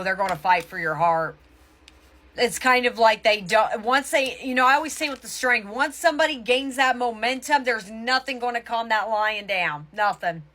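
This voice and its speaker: Doing a relaxed tarot reading for her viewers, a woman speaks in a bright, forceful, mid-range voice. Her emphatic delivery is halting, and she often corrects herself before finishing a thought.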